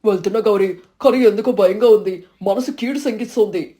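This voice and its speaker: A woman voicing a kind, humble poor village man in an animated storybook, speaking gently and earnestly. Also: medium pitch, a little fast, close to an everyday voice. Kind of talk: storybook character voice.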